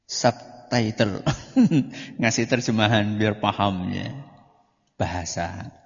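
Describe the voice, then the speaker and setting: A man giving a religious study lecture as a preacher, joking, asking the audience questions and answering them himself, and moving between loud and soft delivery. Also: fairly low pitch, slow pace, creaky. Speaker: Islamic preacher. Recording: dull lo-fi recording in a reverberant hall.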